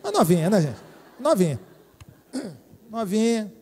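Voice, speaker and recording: In a church hall, a middle-aged Brazilian pastor preaches a sermon in a Brazilian Portuguese accent, joking, chatting, and checking in with the crowd through many tag questions. His voice is high-pitched, warm, and animated, a little fast, with hall reverb on the recording.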